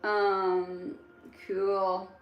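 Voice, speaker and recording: Young woman hosting a late night stream, chatty n relaxed, echoey room, soft music behind. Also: medium pitch, extremely slow, muffled recording. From Egypt. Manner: relaxed, chatty, answers chat questions with many fillers. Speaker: livestream host. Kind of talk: casual late-night chat with viewers. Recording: roomy echo with faint music.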